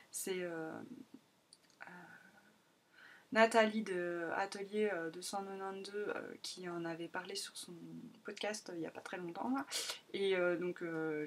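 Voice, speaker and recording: A woman in her thirties from France hosting a casual solo podcast, rambling with many hesitations and laughing at herself. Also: mid-range voice. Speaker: podcast host.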